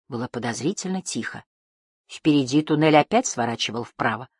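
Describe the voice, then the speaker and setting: A woman narrating a fantasy audiobook in a calm, steady way. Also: very deep voice, brisk, breathy edge, no room sound, studio quality.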